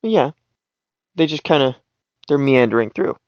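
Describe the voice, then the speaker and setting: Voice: medium pitch, lively intonation, unhurried, dry recording, lo-fi sound. A player describing their characters' moves in a tabletop game, rambling and hesitant, fighting yawns.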